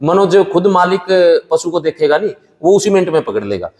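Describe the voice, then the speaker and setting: With a high-pitched, brisk and very animated voice of darkish tone, this Haryanvi dairy farmer and buffalo breeder shares practical advice in a casual interview, and the recording has a big-room sound. He is colloquial and plain, repeatedly calling the listener "brother."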